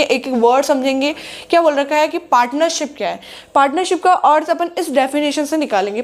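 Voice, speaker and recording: High-voiced woman teaching a commerce lesson. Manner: repeats questions to herself and answers them. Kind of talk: classroom lecture.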